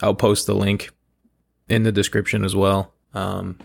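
A man with a hoarse, gravelly voice talks casually as a solo podcast host, rambling loosely in a self-deprecating way. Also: fairly low pitch, completely flat delivery, measured pace. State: hoarse from allergies. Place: at home, in a room below a bathroom.

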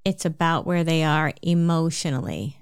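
A woman with a New Jersey accent giving a calm, measured self-help talk, explaining things step by step. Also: low voice, clear, resonant tone, no echo, studio quality.

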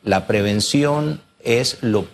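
A man's voice: medium pitch, slow, vocal fry. A man speaking as a doctor in an interview, explaining emphatically and repeating key phrases.

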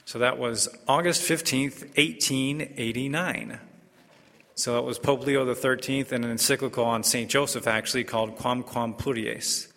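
A male priest preaches and reads in a large, cathedral-like echo, with long reverb trailing his words. His voice is bright and forceful at a middle pitch, and his delivery is deliberate and measured. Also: fairly even intonation, creaky. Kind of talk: Gospel reading and homily. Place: large church interior. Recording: echoey church with long reverb.

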